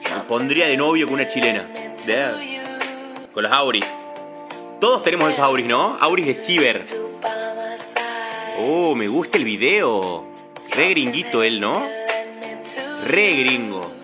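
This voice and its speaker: A man's voice: mid-range voice, sing-song, unhurried, pauses often, music in the background. A man with a Rioplatense Spanish accent hosting a reaction video, chatty, slangy and enthusiastic. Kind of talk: casual reaction commentary.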